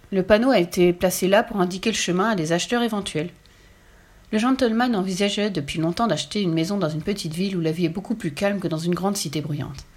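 A woman narrating a children's audiobook with clear, expressive storytelling. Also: on the low side.

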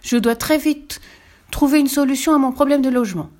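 A woman voicing a small, naive, polite female frog with high excited exclamations. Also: brisk, natural voice. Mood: naive hope.

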